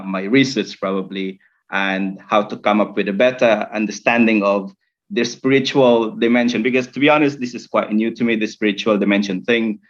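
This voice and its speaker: Man, middle-aged, Filipino accent, medium pitch. Hesitant, rambling questioner on a lo-fi video call. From Philippines. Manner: hesitant, rambling with repeated words. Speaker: physics teacher and researcher, audience questioner. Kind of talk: spontaneous question at an online discussion. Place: bedroom, in bed, on a video call. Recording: dull lo-fi video call audio.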